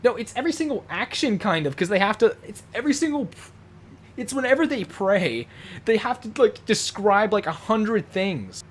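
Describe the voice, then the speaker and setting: A man's voice: sits high, big pitch swings, moderate pace, slight background noise. Sarcastic young man reading aloud. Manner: casual, sarcastic, jokey. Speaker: YouTuber. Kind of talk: comedic reading with commentary.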